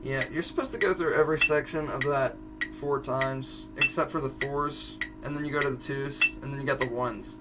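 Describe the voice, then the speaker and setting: A man's voice: mid-range voice, steady tone, moderate pace, recorded from a distance, over loud music. A teenage boy casually explaining drumline exercises, chatty and prone to correcting himself mid-sentence. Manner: chatty, self-correcting, rambling asides. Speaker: drumline student teaching audition exercises. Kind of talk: casual drum tutorial.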